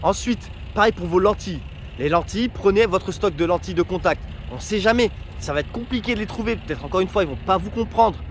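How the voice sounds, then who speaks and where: A man's voice: high-pitched, lively intonation, quick pace, slight background noise. Chatty man giving travel tips. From France. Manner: chatty, joking, direct advice to viewers. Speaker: travel vlogger. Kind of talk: casual travel tips vlog.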